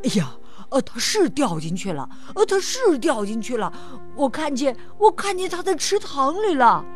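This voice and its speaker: A woman's voice: high voice, very animated, normal speed, soft background music. A woman voicing a hesitant, stammering elephant in a storybook reading.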